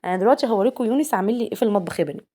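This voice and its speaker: Very fast and lively in intonation, her warm mid-range voice carries a casual home vlog. The young Egyptian-accented homemaker addresses viewers as girls and wants to hear their views.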